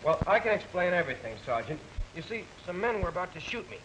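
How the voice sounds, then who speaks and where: An actor playing a flustered, mild-mannered young husband in 1940s screwball comedy banter, stammering and fussily polite, on an old film soundtrack. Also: male voice, high-pitched, big pitch swings, quick pace, a bit bright, slight background noise, rough recording. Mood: flustered, pleading.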